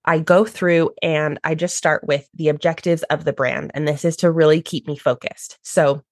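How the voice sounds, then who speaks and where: A woman's voice: fairly even intonation, normal speed, dry recording, clean studio sound. A woman hosting a podcast as a brand strategist and designer, explaining her process with enthusiasm and acting out her clients' reactions. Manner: enthusiastic, explanatory, acts out clients in high voices. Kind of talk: podcast conversation.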